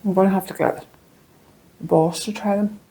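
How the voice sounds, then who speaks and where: A woman's voice: mid-range voice, steady tone, normal speed, creaky, mellow, slightly rough. A woman with a Northern Irish accent hosting a casual cooking vlog from her home kitchen, chatty and homely as she tastes her baking. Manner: chatty and homely, talks while tasting. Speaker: cooking channel host.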